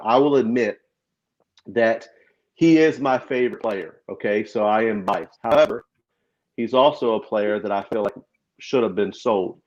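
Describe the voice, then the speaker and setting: A man's voice: on the low side, a little mellow. A man speaking as a fan panelist on a live show, emphatic and opinionated, through a crackling, distorted earphone mic. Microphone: earphone headset mic. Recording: dull, crackling lo-fi mic sound.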